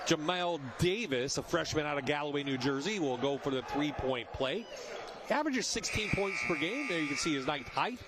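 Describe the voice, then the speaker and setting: A man calling a live college basketball game play-by-play, brisk and raising his voice on big plays. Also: a little high, lively intonation. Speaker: play-by-play announcer. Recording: loud arena noise behind. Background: gym crowd and ball bounces.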